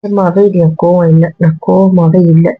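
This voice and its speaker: A woman's voice: fairly low pitch, level tone, normal speed. A woman in a couple's argument vlog, talking to her partner in a hurt, weary, lecturing way. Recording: dull lo-fi sound.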